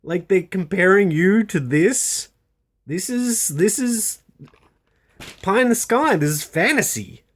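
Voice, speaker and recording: Slow-paced delivery, unscripted rant, exasperated, blunt, halting, emphatic repetition. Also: medium pitch, animated. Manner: blunt, swearing. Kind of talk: unscripted opinion rant to camera.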